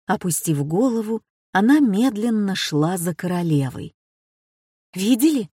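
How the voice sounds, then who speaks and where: A woman narrates an audiobook in a calm, measured storytelling voice. Her tone is husky and breathy, set in a dry, close recording with no room sound. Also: fairly low pitch, no echo.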